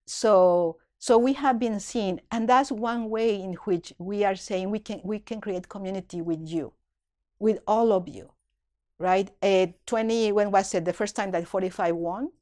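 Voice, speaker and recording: Warm in tone and a little slow, the mid-range voice belongs to a middle-aged woman who leads her community and teaches dance. As a podcast guest she shares reflective stories earnestly and emotionally, often beginning phrases again.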